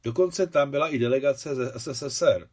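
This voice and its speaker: A man's voice: medium pitch, pitched above the performer's own voice, close to an everyday voice. A man voicing a jovial, modest young father and scientist in an audiobook.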